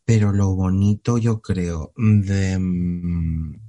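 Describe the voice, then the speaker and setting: A man's voice: deep voice, extremely slow. A young man from Spain, an actor, chatting animatedly. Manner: animated, laughing, theatrical outbursts. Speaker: actor, interview guest. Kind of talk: casual interview chat.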